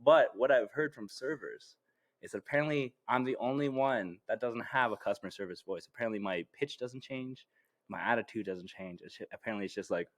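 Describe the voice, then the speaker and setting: A man's voice: mid-range voice, a little fast. A young man from Calgary with a Canadian accent, a bar worker chatting as a podcast guest, easygoing and agreeable. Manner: easygoing, agreeable, often says "absolutely". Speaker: guest, bartender. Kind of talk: casual chat.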